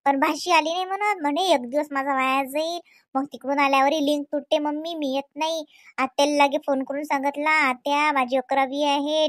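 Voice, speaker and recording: A woman voicing a nagging, grumbling middle-aged mother in an animated cartoon, with a Varhadi Marathi accent. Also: high-pitched, no room sound, studio quality. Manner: scolding, grumbling.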